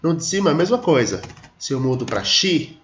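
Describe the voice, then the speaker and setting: A man's voice: fairly high pitch, big pitch swings, normal speed, fairly bright tone, a little hiss or hum. A man teaching an English grammar lesson, explaining patiently, stretching his example sentences and checking in with his students. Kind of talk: screen-recorded grammar lesson. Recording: echoey room, dull lo-fi audio.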